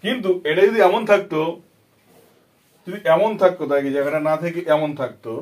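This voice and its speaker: A man's voice: sits high, animated, a little fast. A man teaching an English grammar lesson to children, with a Bengali accent, patiently repeating points and quizzing his students. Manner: patient, repetitive, asks students questions.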